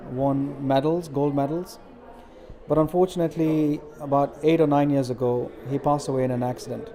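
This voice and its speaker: An earnest, middle-aged man from India gives interview answers as a community organizer. His voice is mellow and fairly high, measured, with frequent fillers.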